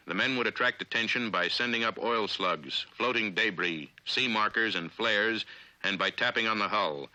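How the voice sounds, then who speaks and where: This is a 1950s training-film style narration by an American-accented man whose lowish voice sounds very bright and forceful. He phrases everything deliberately and with authority, over a dry period soundtrack that has no echo and poor audio quality.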